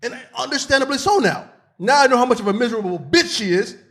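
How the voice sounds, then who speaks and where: A man co-hosting a podcast, bantering loudly with lots of swearing and laughter. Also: very high voice, animated, fast talker. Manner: loud, swearing, laughing often. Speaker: podcast co-host. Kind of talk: casual profane banter.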